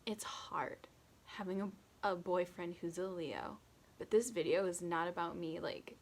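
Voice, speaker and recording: Twenties woman, tipsy and self-mocking, low-ish voice, rambling vlog chat. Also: a little hiss or hum. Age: 20s. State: tipsy from drinking. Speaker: vlogger. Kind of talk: casual get-to-know-me chat.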